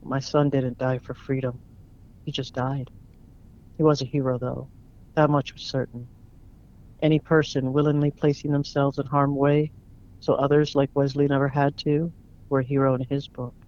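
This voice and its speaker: A man's voice: mid-range voice, little pitch movement, moderate pace, long pauses, darkish tone, lightly acted. A man voicing a grieving retired military grandfather, speaking in a choked, grief-stricken way. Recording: dull lo-fi recording.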